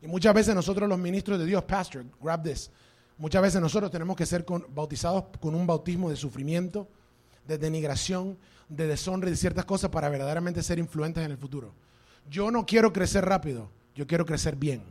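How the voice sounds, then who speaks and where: A male pastor preaching a sermon to a congregation in a church, emphatic and dropping into English phrases. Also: high-pitched.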